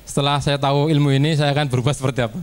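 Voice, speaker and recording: Man, teacher, slightly high voice, casual training talk, chatty, acts out dialogues. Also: fairly even intonation, very fast. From Indonesia. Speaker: teacher presenting to fellow teachers. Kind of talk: informal training presentation.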